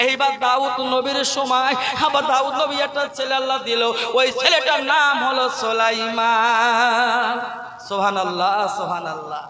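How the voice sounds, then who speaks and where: A man preacher, giving a rousing waz sermon to a gathering and bantering with the crowd through rhetorical questions. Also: extremely high pitch. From Medinipur, West Bengal, India. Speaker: Islamic preacher. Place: outdoor religious gathering with a crowd. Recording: crowd noise behind the preacher.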